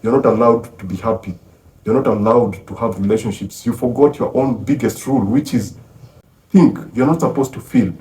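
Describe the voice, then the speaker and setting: A man's voice: mid-range voice, moderate pace, mellow, natural voice. A man doing a stern, lecturing old patriarch. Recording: roomy, distant from mic.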